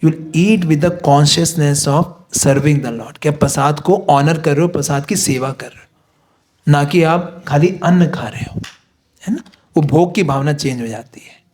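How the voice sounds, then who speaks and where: A man's voice: on the high side, a little slow, a little mellow. A man teaching a devotional course, explaining in Hindi with English phrases and chanting prayers. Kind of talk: devotional class lecture.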